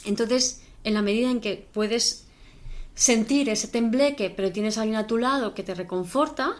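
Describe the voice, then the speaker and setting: A woman's voice: fairly high pitch, normal speed. A woman in casual conversation, telling a story and explaining ideas with acted-out quotes and frequent "¿vale?" check-ins. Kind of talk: conversational talk on emotional regulation.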